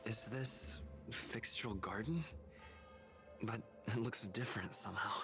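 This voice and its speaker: A man's voice: fairly low pitch, unhurried, close to an everyday voice. A man voicing an earnest, wary young male hero in an anime-style game. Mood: wary, puzzled. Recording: game dialogue over music.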